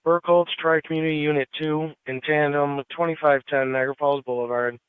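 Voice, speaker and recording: A man's voice: a little high, fairly even intonation, a little fast, smooth, dry recording. A man working as a fire and EMS dispatcher, giving clipped, procedural dispatch calls over a two-way radio. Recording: muffled narrow-band scanner radio feed.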